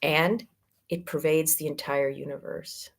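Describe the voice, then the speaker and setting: Gentle middle-aged Midwestern woman teaching. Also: low-pitched, steady tone. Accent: Midwestern American. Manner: gentle, unhurried, drawing out key words. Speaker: yoga teacher. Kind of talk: spiritual teaching talk.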